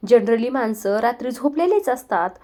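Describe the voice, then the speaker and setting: A woman's voice: a little high, expressive, normal speed, dark tone, voice pushed up, lightly acted. A woman voicing a teasing, mock-polite young man in a recap of a TV serial. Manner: playful, calls her madam with mock formality. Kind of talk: acted dialogue in a serial recap.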